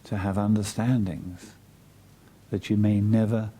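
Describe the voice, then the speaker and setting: A man guides a meditation in a lowish voice with little pitch movement. He speaks softly and breathily in a calm, measured way, leaving long pauses between phrases.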